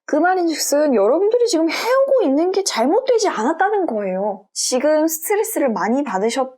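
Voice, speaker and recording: A young adult woman giving a general tarot reading, speaking gently and reassuringly straight to her viewers. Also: fairly high pitch. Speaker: tarot reader.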